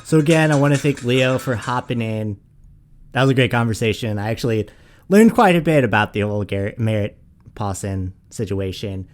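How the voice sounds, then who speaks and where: A man's voice: medium pitch, lively intonation, fairly quick, faint music behind. A man from St. Louis hosting a soccer podcast, laid-back and full of casual fillers. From St. Louis, USA. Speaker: podcast host. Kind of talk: casual interview chat.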